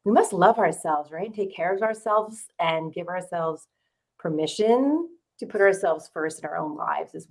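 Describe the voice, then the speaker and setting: A woman coach speaking as a guest on an online panel, bubbly and excitable. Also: on the low side. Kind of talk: casual online panel chat.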